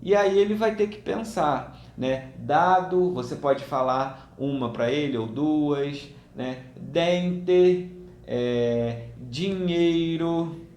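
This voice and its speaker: A man teaching parents a home learning activity, speaking slowly with frequent hesitant fillers. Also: medium pitch, darkish tone. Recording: echoey room, faint ambience.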